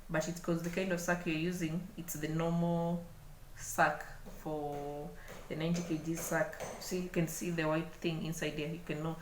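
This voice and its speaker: A woman with a Kenyan accent giving an unscripted hands-on craft demonstration, speaking haltingly and repeating words as she works. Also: sits low, little pitch movement. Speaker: craft tutorial host. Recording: echoey room, clear background noise.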